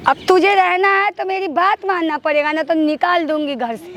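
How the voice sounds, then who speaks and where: A woman's voice: very high-pitched, steady tone, normal speed, background noise. A woman playing an arrogant, bullying young daughter-in-law who orders her mother-in-law around with contempt in a staged family quarrel skit. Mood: scornful. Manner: bossy, contemptuous, threatening.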